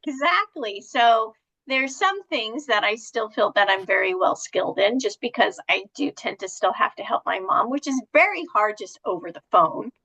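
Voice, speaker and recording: A woman's voice: on the high side, lively intonation, moderate pace, bright, forceful tone, low-quality recording. A woman in her fifties co-hosting a talk show, chatty and self-deprecating, full of "you know" and "right?". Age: 50s. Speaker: podcast co-host. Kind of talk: casual chat.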